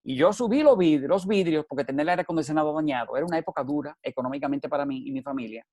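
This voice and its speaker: A middle-aged man giving earnest motivational advice as a radio guest, coaching the listener and now and then bursting into loud shouts. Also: fairly high pitch, racing, no echo, studio quality. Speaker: guest speaker.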